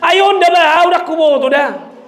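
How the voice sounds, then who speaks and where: A male pastor preaching a sermon, animated and switching between shouted exhortation and joking asides. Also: extremely high pitch, unhurried.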